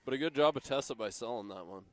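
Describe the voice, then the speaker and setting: A man's voice: medium pitch, fast talker, slight background noise. A man adding short, laid-back comments as color commentator beside the play-by-play announcer. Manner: brief laid-back asides. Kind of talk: casual commentary chat.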